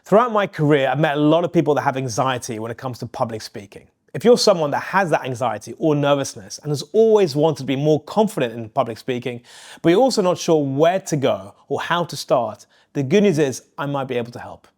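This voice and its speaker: A man's voice: medium pitch, animated, brisk, a little mellow. A man in his forties hosting a podcast, asking probing questions in a friendly way and reading his own promo. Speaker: podcast host and interviewer. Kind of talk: interview questions and ad read.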